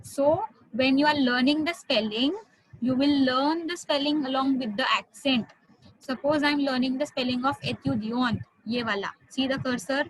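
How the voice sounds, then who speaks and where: Indian woman French tutor, high voice, slow and patient, mixes in Hindi. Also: no room sound, rough recording. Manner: explains slowly, switches into Hindi, spells words out. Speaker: French teacher. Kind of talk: online class teaching.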